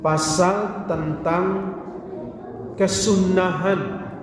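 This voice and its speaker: An Indonesian man leads an evening religious study lesson in a mosque. He speaks slowly and carefully and recites Arabic text before explaining it. He sits far from the microphone, so the hall echo is loud and there is steady room noise behind him. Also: high voice. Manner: slow, measured teaching with Arabic text recitation. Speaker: Islamic teacher. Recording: echoey mosque hall, distant mic.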